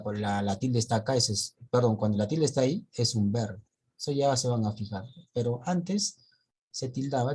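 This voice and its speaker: A man's voice: lowish voice, mellow, slightly rough. A male teacher on a video call, going through his students' reading mistakes point by point. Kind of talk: online reading class feedback.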